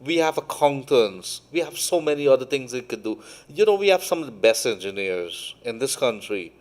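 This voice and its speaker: A man's voice: medium pitch, lively intonation. Emphatic Guyanese man on talk radio. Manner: emphatic, quick bursts of speech. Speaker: radio show host. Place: radio studio. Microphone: studio mic with headphones.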